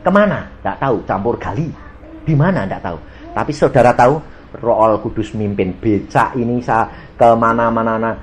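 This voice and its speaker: A middle-aged male pastor, preaching a sermon that jumps between loud bursts and low asides and mixes in everyday local speech. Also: normal speed, slight background noise.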